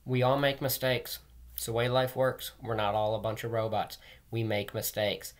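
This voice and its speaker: Reading aloud to children and offering them simple advice, this middle-aged teacher and school administrator sounds plain, earnest and emphatic. His mid-range voice is delivered flatly at normal speed. A desk-distance webcam captures him in a small room.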